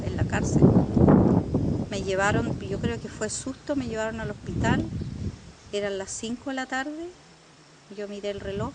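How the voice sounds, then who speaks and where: An older woman with a Chilean accent gives documentary testimony as a survivor, earnest and halting, with pauses and repetitions. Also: fairly high pitch, noisy background.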